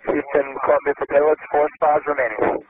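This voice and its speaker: A man's voice: fairly high pitch, little pitch movement, fairly quick, dry recording, narrow, tinny audio. A shuttle crew member, a man, giving clipped procedural callouts over a space-to-ground radio link. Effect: space-to-ground radio transmission. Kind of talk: mission radio communication.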